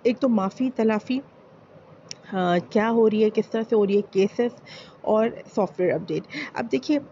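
A reaction-channel YouTuber gives heated, opinionated commentary, impassioned and full of rhetorical questions and pleas. Her voice is fairly high and warm, at a normal speed. The recording has its highs cut off and a little hiss or hum.

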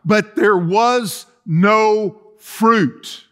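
Very slow and smooth, the middle-aged pastor's voice sits high with a fairly bright tone. He preaches emphatically, using repetition and rhetorical questions, in an empty-chaired church sanctuary where the recording was made.

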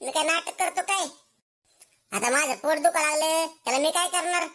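Sex: woman. Figure: a woman voicing a lazy schoolboy who talks back. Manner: whiny and sly, high and piercing. Style: comedy sketch. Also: moderate pace, a bit bright. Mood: whining. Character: lazy cheeky schoolboy, fakes illness. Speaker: main character.

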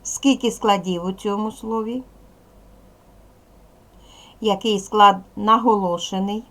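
A woman with a Ukrainian accent, a primary school teacher giving a recorded lesson to young children in slow, clear instructions. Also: medium pitch, fairly even intonation, fairly bright tone.

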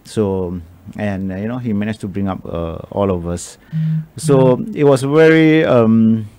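Malaysian man, low, halting speech. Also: dark tone. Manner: thoughtful, halting with many restarts. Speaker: guest, media executive. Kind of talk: radio interview. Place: radio studio. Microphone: studio microphone on boom.

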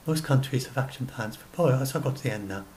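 Lively intonation marks this fast-talking man's darkish, mid-range voice. In his sixties and a science blogger, he rambles alone through his notes at home, continually correcting himself, recorded on a webcam at his desk in a small room, with slight background noise.

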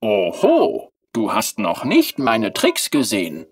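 A narrator playing Fiyerem, a shy and charming porcelain clockwork boy who speaks slowly and softly in a storybook reading. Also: medium pitch, wildly swooping pitch, far from the mic, exaggerated voice.

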